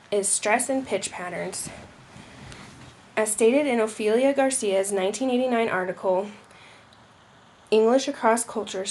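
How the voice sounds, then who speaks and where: A woman's voice: mid-range voice, a little mellow, slight background noise. A young woman reading a school presentation aloud, with occasional slips and restarts. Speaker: student presenter.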